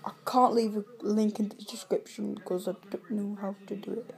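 A woman's voice: mid-range voice, flat delivery. A woman talking casually into a phone video recording, rambling, breaking off mid-sentence and apologizing as she goes. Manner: rambling, self-interrupting, quick to apologize. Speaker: vlogger. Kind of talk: casual rambling vlog chat. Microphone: phone camera.

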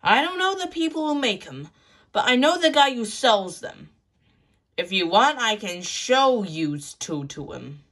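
A woman voicing a sly orange toy tanker engine in a slow, drawn-out put-on voice, in a homemade toy-train story. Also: a little high, big pitch swings, fairly bright tone, voice pushed up, exaggerated voice.

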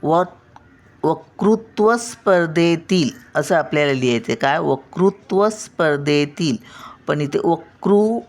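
Older woman, patient teacher, gravelly and unhurried, stretches out syllables to demonstrate sounds. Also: low voice, expressive. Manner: slowly drawing out syllables to show pronunciation. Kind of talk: spelling and pronunciation lesson.

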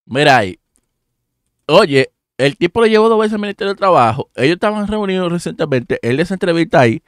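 Un hombre presentador que comenta y señala a sus espectadores lo que pasa en un video. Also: male voice, sits high, very animated, fairly quick, no echo, clean studio sound. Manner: pointing things out to viewers. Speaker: commentary show host. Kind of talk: reaction commentary.

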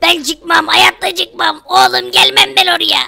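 Brief: jumpy poor young man in a Minecraft role-play, gravelly and panicky. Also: very high voice, steady tone, unhurried, sharp tone, soft background music, heavily acted. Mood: panicked. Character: jumpy poor young man, "Fakir", calls friend brother.

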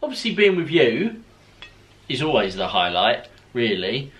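A man chatting casually with his partner on a home vlog, relaxed and enthusiastic. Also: mid-range voice, unhurried.

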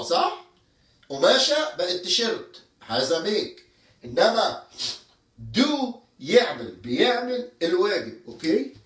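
A man's voice: high voice, pushed and bright, reverberant, far from the mic. A man with an Egyptian Arabic accent teaching English words, explaining step by step and checking that his students follow. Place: indoor room, moving around while teaching.

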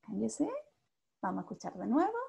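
A woman with a medium-pitched, very animated voice, slightly fast, with vocal fry and a dark, husky tone, teaches English on a video call. She speaks with a Chilean Spanish accent, patiently checks in with students constantly and mixes English into her Spanish.

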